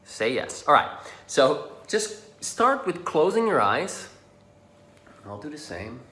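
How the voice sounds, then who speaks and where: A Dutch-speaking social anxiety coach from the Netherlands, with a fairly high voice and big pitch swings, leads a guided tapping lesson. He's casual and encouraging, getting soft and slow when guiding. The room sounds echoey.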